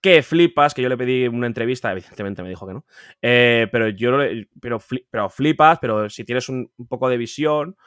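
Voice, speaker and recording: A man's voice: fairly quick, smooth, no echo. Emphatic Spanish man from Spain, dry close sound. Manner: emphatic, repeats words, swears freely; animated, pitch jumping up when insisting. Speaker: guest, video game collector. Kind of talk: casual podcast conversation.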